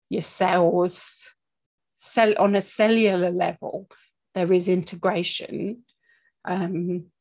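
A woman working as a breathing coach, talking candidly and informally to camera in a deliberate, halting way with long pauses, often checking in with the listener. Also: fairly low pitch. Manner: candid, conversational, checks in with okay and yeah. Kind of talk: informal spoken talk to camera about anxiety and breathing.

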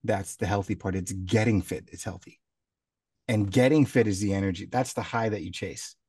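A man's voice: fairly low pitch, moderate pace, a little mellow, husky, no room sound. A man in his thirties talking casually and with energy, repeating words for emphasis. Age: 30s. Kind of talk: casual chat. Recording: dry, a bit far from the mic.

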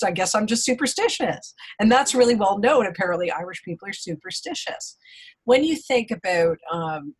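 A woman's voice: medium pitch, husky. A woman hosting an interview podcast, chatty and enthusiastic as she welcomes and questions her guest. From Canada. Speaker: podcast host.

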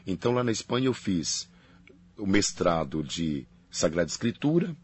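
A priest from Paraná, Brazil, who also represents a faculty, is an interview guest explaining things at length. His male voice is deep and husky, and he talks at a normal speed, calmly and explanatorily, repeating key phrases.

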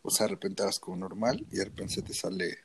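A man with a Mexico City accent, co-hosting a comedic podcast in easygoing talk with hesitant, drawn-out fillers. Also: sits low, crowd noise. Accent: Mexico City Spanish. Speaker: podcast co-host. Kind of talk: casual comedic chat.

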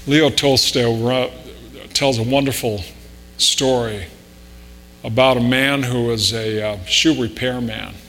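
Bright-voiced preacher in a reverberant hall. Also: male voice, mid-range voice, fairly even intonation, slow. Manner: conversational preaching with anecdotes, rising emphasis on key points. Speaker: pastor. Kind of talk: sermon. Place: church sanctuary. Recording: reverberant hall with mains hum.

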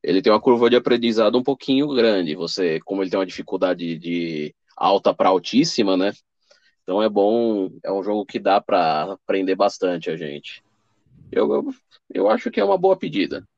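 A man's voice: low voice, lively intonation, moderate pace, darkish tone, no room sound, muffled recording. A man with a Brazilian Portuguese accent co-hosting a casual podcast, laid-back and easygoing in manner. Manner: laid-back, drops "cara" a lot. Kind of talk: casual chat.

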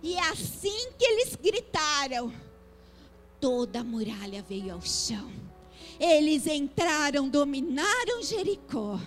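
A woman preaching a sermon, moving from soft teaching to fervent call-and-response exhortation. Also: high voice, sing-song, slow, faint music behind.

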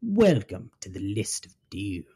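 A laid-back male co-host who rambles through casual chat and laughs easily. His husky voice is very dark and low-set, and his pitch swings widely as he talks. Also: huge pitch swings, unhurried. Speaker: podcast co-host.

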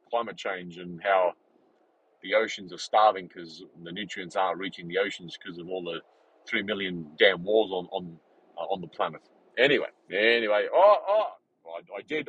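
A man in his forties hosting a podcast, talking in a rambling, animated way with many fillers and restarts. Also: low-pitched, moderate pace, slightly rough, highs cut off. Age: 40s. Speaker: podcast host. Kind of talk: casual unscripted monologue.

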